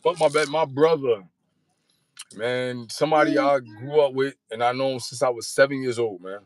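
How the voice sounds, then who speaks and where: A man's voice: mid-range voice, steady tone, moderate pace, no echo. A man in his thirties telling his story as an interview guest, rambling in slangy street talk and often asking if you follow. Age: 30s. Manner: rambling, repeats "you know what I'm saying".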